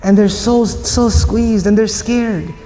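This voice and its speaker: A man giving an emphatic, animated Qur'an lecture with storytelling, in a mosque or lecture hall. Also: sits high, slow pace. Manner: animated, emphatic, acting out quotes. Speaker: Islamic lecturer. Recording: echoey hall, faint noise.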